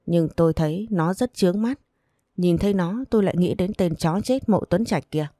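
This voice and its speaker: A woman's voice: on the low side, normal speed, warm tone, no echo, close to an everyday voice. A woman voicing a cruel middle-aged gangster boss in a storybook reading, harsh and threatening. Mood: cold.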